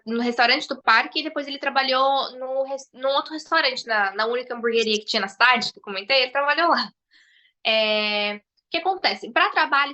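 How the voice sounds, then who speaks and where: A Brazilian woman with a Brazilian Portuguese accent talks over a video call as a podcast guest. Her voice sits high and bright. She tells her stories vividly and acts out the lines of the people in them. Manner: animated storyteller, acts out quoted dialogue. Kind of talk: casual podcast chat.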